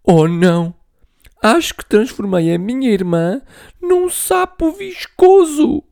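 Man voicing a young boy mouse, bossy big brother, excitable, raised high voice. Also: slow, exaggerated voice. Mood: upset.

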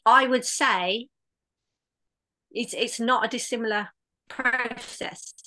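A woman's voice: a little high, takes it slowly, pushed and bright. A woman in casual conversation, talking in an earnest, reflective way with many restarts. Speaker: podcast guest.

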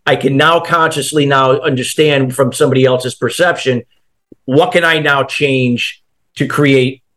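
Man, interview host, mid-pitched voice, casual, affirming. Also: steady tone, measured pace, fairly bright tone. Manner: affirming, praises the guest's tips.

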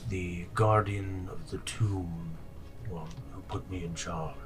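A man voicing a pleading monstrous mimic that guards treasure, speaking haltingly in a deep rumble in a tabletop game. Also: steady tone, distant mic, music in the background. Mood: bargaining. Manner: slow, halting, deliberate.

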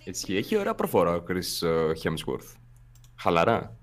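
A young man chatting casually as a co-host, telling animated stories with playful sound effects. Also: deep voice. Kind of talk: casual chat.

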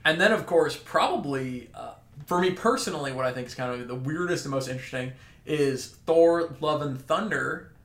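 A man's voice: on the high side, normal speed, a bit bright, reverberant. A man co-hosting a podcast, chatting eagerly as a fan. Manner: enthusiastic, chatty fan talk. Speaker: podcast co-host. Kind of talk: casual chat.

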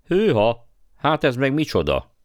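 A man's voice: sits low, animated, no room sound, studio quality. A man voicing an eager, curious young boy who exclaims and explains. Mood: excited.

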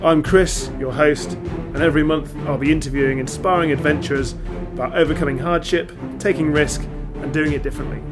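A man's voice: fairly high pitch, fairly even intonation, fairly quick, over music. A man hosting an interview podcast, eager and enthusiastic, often repeating words and using fillers. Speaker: podcast host.

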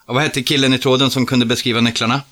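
A male reader voicing Erik, a wide-awake, bossy young man who talks briskly and insistently. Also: mid-range voice, little pitch movement, fairly bright tone, pitched above the performer's own voice, lightly acted.

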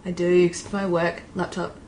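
A woman's voice: fairly low pitch, little pitch movement, normal speed, a little mellow, a little hiss or hum. A woman, a guest on a casual podcast, chatty and fond of saying "like". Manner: chatty, frequent "like".

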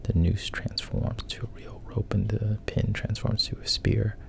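In a lowish, steady voice that's gravelly and breathy, a man casually relates a story. He speaks in a hushed, stop-start way and often slips into a whisper.

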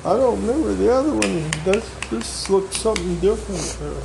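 Brief: older man, gravelly voice, swears constantly as he tinkers, workshop noise behind him. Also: high voice, expressive, brisk. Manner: gruff, swears a lot, mutters complaints. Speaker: host's father. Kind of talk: casual chat while fixing a vehicle.

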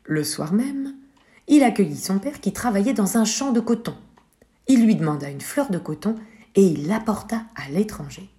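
A woman narrating a children's story in a gentle, soft manner, sometimes dropping to a whisper. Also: mid-range voice, lively intonation, normal speed.

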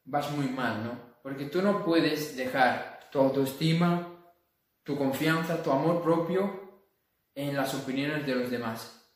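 A man with a Spain Spanish accent giving an earnest self-help talk, full of rhetorical questions. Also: a little high. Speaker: motivational vlogger. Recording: very echoey room.

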